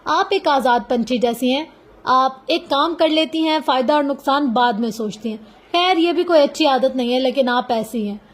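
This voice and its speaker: A woman voicing an earnest young male police officer who speaks gently and persuasively, in a storybook reading. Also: high-pitched, moderate pace, natural voice. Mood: gentle. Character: earnest young man, police officer, calm and soft-spoken.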